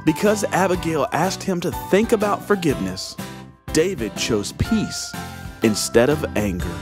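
A woman narrating a children's Bible story in a slow, expressive storytelling manner. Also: low voice. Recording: music bed underneath.

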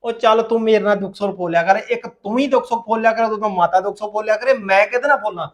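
An actor playing a tired husband trying to calm his wife in a domestic drama. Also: sits high, very fast, natural voice. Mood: placating. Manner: placating, exasperated. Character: weary husband caught between wife and mother. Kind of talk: domestic web drama acting.

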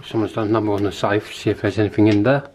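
A man with a lowish voice talks through an abandoned pub as he walks, in a chatty, offhand vlog manner. The sound comes from a handheld camera mic, with faint noise behind him. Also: flat delivery, racing. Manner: chatty, offhand, thinking aloud. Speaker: urban explorer vlogger. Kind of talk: casual walkthrough commentary. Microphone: handheld camera mic while walking.

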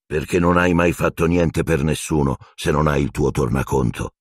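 A man's voice: extremely low pitch, no echo, clean studio sound. A man voicing a bitter escaped prisoner wizard who speaks in a cold, growling, venomous way. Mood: cold menace. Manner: cold, accusing, slow menace.

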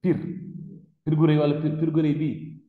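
A man's voice: on the high side, steady tone, moderate pace, narrow, tinny audio. A man with a Senegalese French accent teaching a class, questioning students and repeating key words with emphasis. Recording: echoey classroom with long reverb.

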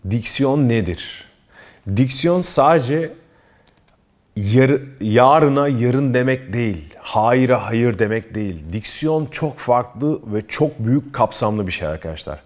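A man's voice: medium pitch, expressive, slow pace. A man giving self-improvement advice to his viewers, earnest and emphatic, often addressing them as friends. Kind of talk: advice talk to camera.

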